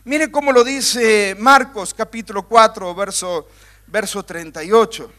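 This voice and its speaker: A man's voice: high voice, unhurried, pushed and bright. A man preaching a sermon with emphatic, building repetition, talking directly to his listeners.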